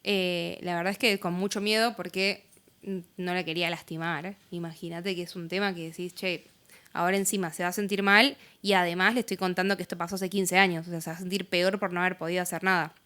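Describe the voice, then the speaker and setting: A woman's voice: fairly low pitch, quick pace. Young Argentine woman telling her story. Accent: Argentine Spanish. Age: young adult. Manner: casual, lots of fillers, animated retelling. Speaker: guest. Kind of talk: candid personal storytelling.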